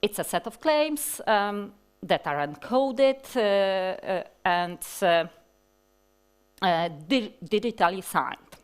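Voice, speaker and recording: Her voice is mid-range, animated, and clean-toned: a Polish-accented woman in her forties speaking at a technical conference on a large hall stage. She proceeds slowly and deliberately, restarting often and using many fillers.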